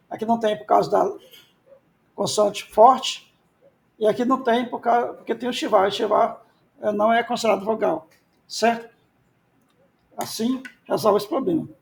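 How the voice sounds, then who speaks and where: A man's voice: sits high, fairly even intonation, moderate pace, gravelly. A man, a pastor teaching biblical Hebrew in a lecture, repeating key points and answering his own questions. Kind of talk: classroom lecture.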